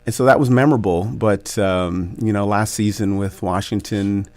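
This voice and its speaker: A man in his forties, a basketball coach, speaking as a guest in a radio interview, thoughtful and grateful, laughing easily and pausing with many fillers. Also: lowish voice, fairly even intonation, a little mellow. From Canada.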